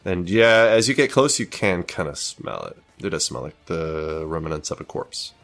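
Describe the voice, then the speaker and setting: Low-voiced man narrating a tabletop game. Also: animated, gravelly, fairly bright tone, soft background music. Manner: casual, halting. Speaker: game master.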